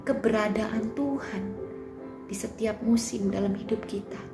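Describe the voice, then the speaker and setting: A woman preaching a sermon at a youth service, emphatic, swinging from loud declarations down to soft near-whispers. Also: medium pitch, a little slow. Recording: roomy sound with clear music behind.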